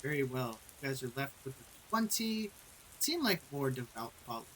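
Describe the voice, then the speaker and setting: A man's voice: medium pitch, very animated, a bit bright, slight background noise, low-quality recording. A man acting as game master, narrating combat and calling for dice rolls in a tabletop game. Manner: measured, calls for rolls and narrates combat results.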